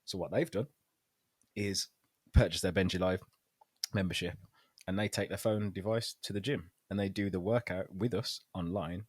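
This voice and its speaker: A man's voice: sits low, fairly even intonation, moderate pace, breathy edge, no echo. A man co-hosting a fitness podcast in casual chat, a trainer who laughs often and tells loose stories.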